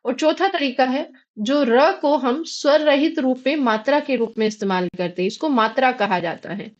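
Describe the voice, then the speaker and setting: A high-pitched Indian woman gives a patient grammar lesson. She poses questions to the class and answers them herself. The audio is slightly dull and lo-fi. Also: moderate pace. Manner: patient, asks and answers her own questions. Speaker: Hindi grammar teacher.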